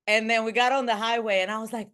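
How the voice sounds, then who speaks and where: On a video call, a Bulgarian team trainer gives a group a lively motivational talk, talking fast in a clean tone. Her voice rises and falls widely, and "right?" caps almost every point.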